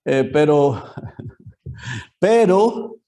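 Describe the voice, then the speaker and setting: A male pastor teaching a Bible lesson in church. His voice sits a little high, yet it has a mellow, warm tone. He keeps putting rhetorical questions to his listeners. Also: expressive, extremely slow.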